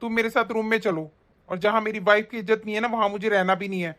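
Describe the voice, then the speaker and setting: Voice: medium pitch, fairly even intonation, fast talker, fairly bright tone, lightly acted. Someone voicing a stern, indignant young husband. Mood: protective. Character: angry young husband and son. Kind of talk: animated story voice acting.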